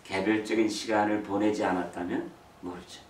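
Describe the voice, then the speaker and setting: Middle-aged man, church parenting talk, animated storyteller who acts out quotes and mixes in English; roomy, distant mic, faint hall ambience. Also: on the low side, fairly quick, a little hiss or hum. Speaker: speaker on parenting. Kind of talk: church talk on raising children.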